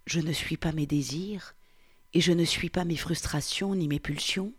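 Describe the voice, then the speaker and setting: A woman reading the part of a 47-year-old Frenchman, reciting in a slow, hushed, meditative way. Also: low-pitched, breathy edge. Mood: contemplative. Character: 47-year-old French man, pondering who he is. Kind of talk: reading a novel aloud.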